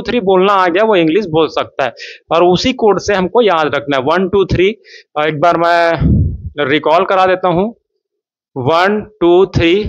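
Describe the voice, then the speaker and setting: A man teaching a spoken English lesson in Hindi, drawing out his English example sentences slowly. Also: high voice. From India. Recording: dull lo-fi sound.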